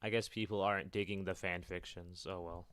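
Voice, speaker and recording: A man's voice: low-pitched, fairly even intonation, fairly quick, fairly bright tone, clean tone. A young man streaming who reads fan fiction aloud and chats with viewers in a casual, swearing way. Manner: casual, swearing, laughs at himself.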